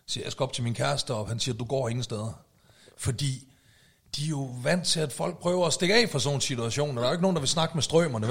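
Male podcast host, animated storyteller, mid-range voice. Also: medium pitch, vocal fry, husky. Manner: animated, acts out shouted quotes. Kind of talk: casual storytelling chat.

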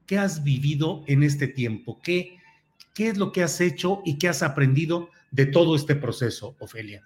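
A man's voice: a little high, expressive, moderate pace, darkish tone. A man with a Mexican accent hosting a live online news and interview show without a script.

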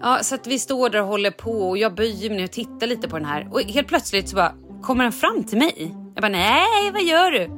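A woman in a relaxed podcast chat, telling her story with plenty of energy and acting out what she said at each turn. Her voice sits at a middle pitch, and faint music runs underneath. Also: hardly any pauses. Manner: animated storytelling, acting out her own lines. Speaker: podcast host. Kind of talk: casual chat.

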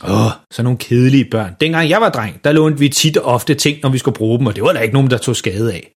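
A scheming, boastful dad, voiced by a man reading a story, eager and wheedling as he talks his children round. The voice is slightly husky. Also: medium pitch, natural voice.

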